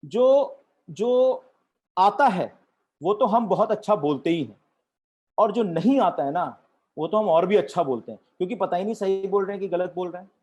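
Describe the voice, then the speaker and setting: A man giving a corporate training talk on storytelling, deliberate and switching between Hindi and English. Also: sits high, lively intonation, a little mellow, husky.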